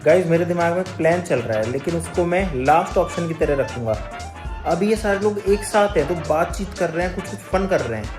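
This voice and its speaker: A man's voice: on the high side, lively intonation, a little fast, music in the background. A man hosting a challenge who talks casually to the camera, laying out his plans in a confiding, scheming way. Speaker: challenge host. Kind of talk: casual vlog narration to camera. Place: studio.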